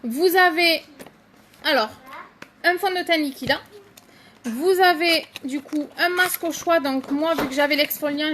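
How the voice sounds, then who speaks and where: A woman's voice: sits high, a bit bright, slight background noise. A woman hosting a casual live stream, chatting to viewers by name and showing makeup products, with many fillers.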